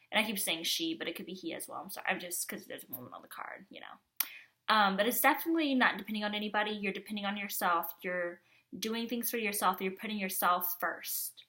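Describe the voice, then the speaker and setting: A woman's voice: mid-range voice, pushed and bright. A young adult woman giving a casual tarot reading, chatty and conversational, often checking in with "you know what I mean.". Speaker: tarot reader.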